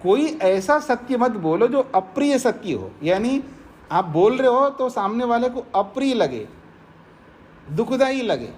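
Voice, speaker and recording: A man's voice: very high voice, very animated, a little slow, a little mellow. A man, a swami, giving a spiritual discourse, explaining points by repeating them and using everyday examples. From India. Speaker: swami teaching scripture.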